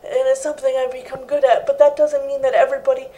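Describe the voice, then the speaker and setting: A woman's voice: high-pitched, level tone, quick pace, dark tone, low-quality recording. A young woman guest in an interview, talking earnestly and steadily about her own life in a living room set, on a lapel mic. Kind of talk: interview answers.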